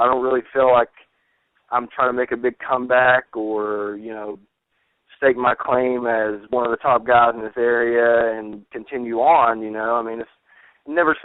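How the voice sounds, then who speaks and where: Phone-line man in his twenties, halting, earnest. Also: mid-range voice, clean tone, no room sound. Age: 20s. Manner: earnest, halting, repeats words and leans on "you know". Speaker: MMA fighter and coach. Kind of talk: casual pre-fight interview. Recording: thin, phone-like radio or phone line.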